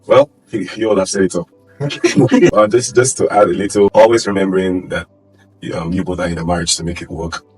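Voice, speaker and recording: A man with a Nigerian accent speaking conversationally on a panel, halting and repeating phrases for emphasis. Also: deep voice, little pitch movement, soft background music. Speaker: panel guest, music minister. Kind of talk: conversational testimony and advice. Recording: echoey room, distant microphone.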